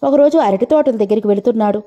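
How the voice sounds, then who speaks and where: A woman's voice: on the high side, fast, dark tone, highs cut off. A woman narrating an old family novel as an audiobook, telling the story steadily and speaking every character in her own voice.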